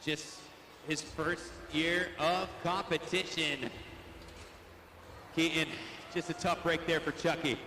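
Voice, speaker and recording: Losing his voice, a male arena announcer calls a live monster truck event in an indoor arena, giving play-by-play and pumping up the crowd. His voice is fairly high and steady, he takes it slowly and pauses often, and there's background noise.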